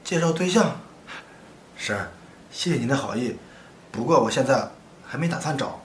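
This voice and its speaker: A man acting out a kind, earnest young man in a web drama, his mid-pitched voice ringing through an echoey room. Loud background noise sits under his words, and he leans on fillers as he talks. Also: lively intonation, moderate pace, lightly acted. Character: kind-hearted young man raising a foundling. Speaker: single father.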